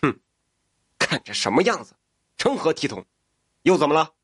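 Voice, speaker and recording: A man's voice: sits high, lively intonation, normal speed, fairly bright tone, breathy edge, heavily acted. A man voicing a wealthy middle-aged father in a folk tale, scolding and sighing at his son. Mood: exasperated scolding.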